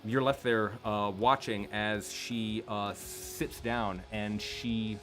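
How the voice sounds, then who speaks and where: A man narrating as game master in a tabletop game, improvising in halting, deliberate phrases. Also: fairly low pitch, fairly even intonation, a bit bright, soft background music.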